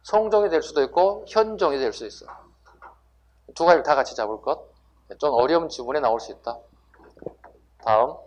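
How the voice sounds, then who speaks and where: A man's voice: a little high, lively intonation, a little fast, long pauses, dull audio. A man teaching history to exam students in a classroom lecture, asking rhetorical questions and answering them himself with emphasis.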